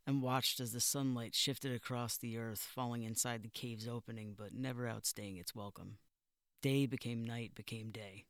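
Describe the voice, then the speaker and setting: A man narrating a first-person audiobook in a measured, wry, deadpan way. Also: medium pitch, dry recording, clean studio sound.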